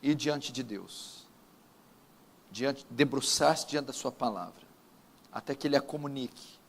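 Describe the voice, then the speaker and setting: Brazilian male pastor, gravelly edge, solemn emphatic sermon delivery, long church reverb. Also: mid-range voice. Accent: Brazilian Portuguese. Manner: solemn, emphatic, with drawn-out pauses. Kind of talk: sermon with opening prayer. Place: church service.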